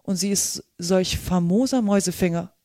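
A woman reading a storybook and voicing a curious, polite little girl in a raised, girlish pitch. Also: moderate pace, dark tone, no room sound, studio quality, lightly acted. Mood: chatty.

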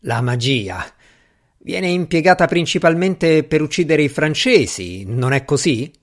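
A man's voice: medium pitch, moderate pace, lightly acted. A man voicing a haughty, contemptuous male asylum doctor in an audiobook, speaking in a pompous way.

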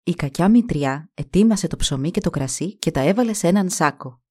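A woman's voice: on the low side, expressive, a little mellow, slightly rough. A woman narrating a folk fairy tale expressively, giving each character a voice of her own. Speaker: storyteller.

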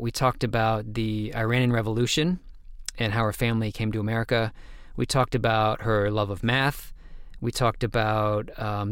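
A man's voice: on the low side, clean tone, no room sound, clean studio sound. A man hosting a science podcast interview, speaking in a conversational way with frequent restarts. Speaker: podcast host.

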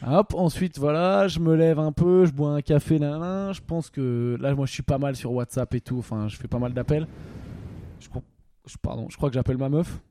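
A man's voice: a little high, steady tone, brisk, warm tone. A young man co-hosting a podcast from home, rambling in casual chat with crude jokes and lots of fillers. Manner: rambling, crude joking, many fillers and restarts. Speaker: podcast co-host. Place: home during lockdown. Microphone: studio microphone.

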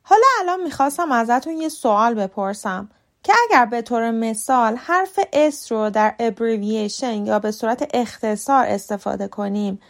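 With a somewhat high voice, this woman from Iran runs a scripted podcast lesson on English pronunciation. She explains clearly and slows her speech to demonstrate sample words.

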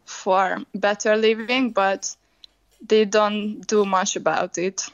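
Brief Hungarian-accented woman in her 20s, interview guest, unhurried and plain-spoken, dull lo-fi line, dry sound. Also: mid-range voice, level tone, no room sound. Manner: unhurried, matter-of-fact, simple non-native phrasing. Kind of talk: casual interview answers.

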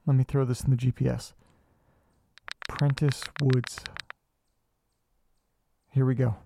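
In a naturalistic horror audio drama, an actor plays a restless, sweary man who mutters to himself and his pets, casual and deadpan. His voice is medium-pitched, slow and creaky over a noisy background, and the mood feels casual and resolved.

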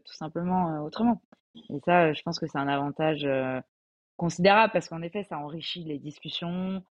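A young woman in her twenties talks as a podcast guest in a loose, chatty way. She pauses often and fills gaps with hesitations. Her voice sits a little low and comes through somewhat muffled. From France. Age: 20s. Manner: hesitant, many fillers, chatty. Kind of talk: casual conversation.

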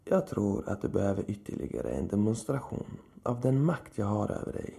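A cruel, seductive supernatural woman, as a man reads her lines, cold and condescending, mocking her victim from above. The voice sits low and gravelly, with a dark, muffled tone. It comes across as a storybook villain. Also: big pitch swings.

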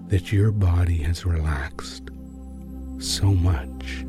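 Man, low-pitched sleep narrator, soothing guided relaxation, lingering pauses, new-age music underneath. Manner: unhurried hypnotic delivery with long pauses between short phrases. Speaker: sleep podcast host and narrator.

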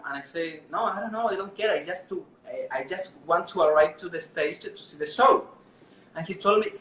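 A man from Chile tells a story in broken, English, stopping on "eh" and lifting his fairly high voice when he acts out what people said. The sound comes from an echoey room, with a faint hum of ambience behind him. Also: a bit bright. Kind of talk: live storytelling to an audience.

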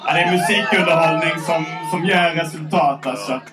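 Halting, high-voiced male live podcast host. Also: distant mic, over loud music, low-quality recording. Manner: hesitant, many fillers. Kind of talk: live podcast chat, reading listener letters. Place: stage at a live show with an audience. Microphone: handheld microphone.

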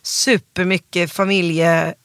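Man, thirties, interview guest, rambling self-interrupting talk, gravelly, close dry sound. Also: high-pitched, little pitch movement, a bit bright, no room sound. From Sweden. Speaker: guest singer. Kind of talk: casual interview chat.

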